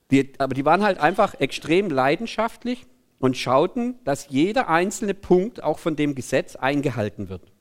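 Lively high-voiced male preacher. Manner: animated, conversational, frequent 'hey' interjections. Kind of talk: sermon.

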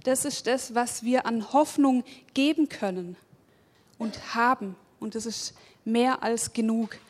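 Taking it slowly in a voice on the high side, a woman preaches emphatically. Her sermon leans on repeated phrases, and she turns to her listeners directly with questions.

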